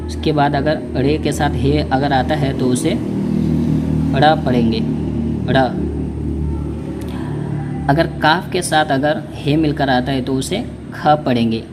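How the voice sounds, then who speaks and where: A man teaching how to read Urdu letters, sounding out each one slowly and patiently, often checking in with "okay". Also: mid-range voice, steady tone, heavy background noise. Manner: repeats "ठीक है" to check understanding. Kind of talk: spoken lesson on reading Urdu letters.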